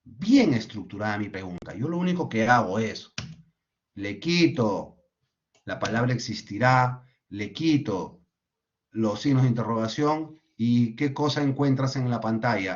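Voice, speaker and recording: A man teaching an online class, explaining step by step and often checking in with tag questions. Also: mid-range voice. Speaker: lecturer. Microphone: video call. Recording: dull lo-fi video call audio.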